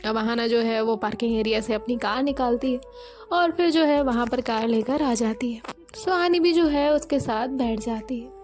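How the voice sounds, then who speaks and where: A woman narrates a romance story in a loose, chatty way, leaning on the same fillers again and again. Her voice sits a bit high, with soft music running behind her. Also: moderate pace.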